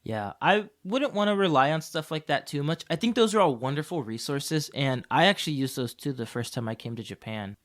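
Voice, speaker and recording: A man co-hosting a casual podcast, an English teacher who tells classroom stories with lively acted-out dialogue. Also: fairly high pitch, a little fast, few pauses. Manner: animated storyteller, acts out dialogue.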